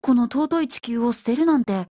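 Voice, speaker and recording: An amazed man from the past, asking one polite question after another, as a woman reads him. His voice sits a touch high in an audiobook reading. The sound is dry and close. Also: expressive, normal speed, mellow, no room sound. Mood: wondering.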